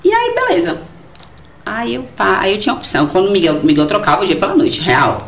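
A woman guest in a casual conversation, telling a personal story in an animated, expressive way and acting out the voices she quotes. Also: medium pitch, a little fast, gravelly. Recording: roomy echo.

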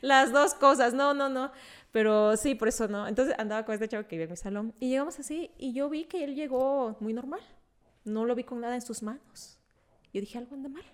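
A young woman hosting a podcast, telling anecdotes in a lively, animated way, acting out quotes and laughing often. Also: fairly high pitch, fairly quick. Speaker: podcast host. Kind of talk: casual chat.

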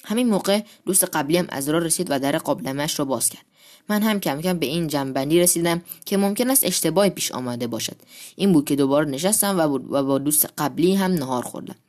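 A woman's voice: low-pitched, lively intonation, a little mellow. A woman reading a humorous children's story aloud, playfully lifting her voice for the characters' lines.

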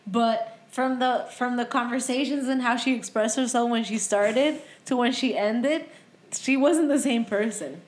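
A woman in her thirties co-hosting a podcast, chatting casually and laughing, exclaiming loudly when excited. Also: on the high side, measured pace. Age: 30s. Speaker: podcast co-host. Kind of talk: casual chat.

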